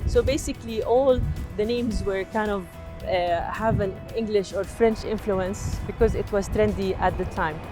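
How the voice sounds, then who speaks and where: A woman from Jordan leads a casual walking tour of an old city district, outdoors on a street. Her voice sits in a middle pitch, and she pauses often with fillers and false starts as she points things out. Faint music and passing traffic hum in the background. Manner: hesitant, many fillers and restarts. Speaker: heritage documenter and guide.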